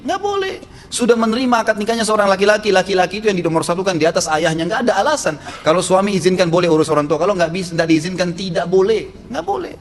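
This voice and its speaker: Brisk, firm man preaching in a hall. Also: sits high. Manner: firm, emphatic, blunt advice. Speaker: Islamic preacher. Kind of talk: sermon. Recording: long echo in a hall, faint noise.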